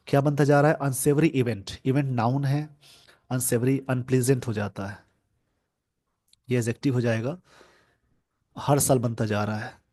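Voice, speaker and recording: Teacher, man, mid-pitched, dry close sound, word-by-word explanation. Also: fairly even intonation, a little mellow, dry recording. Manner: explains word by word, reads English phrases slowly. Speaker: English teacher. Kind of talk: newspaper editorial lesson.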